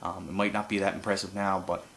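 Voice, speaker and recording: Low, monotone man teaching. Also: a little hiss or hum. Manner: halting, unscripted explaining with pauses. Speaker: duck-calling instructor. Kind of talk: informal hands-on tutorial.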